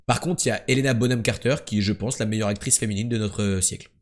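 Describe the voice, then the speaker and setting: A young man streaming quiz games live, chatting casually and joking, jumping between loud bursts and low mumbles. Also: fast talker.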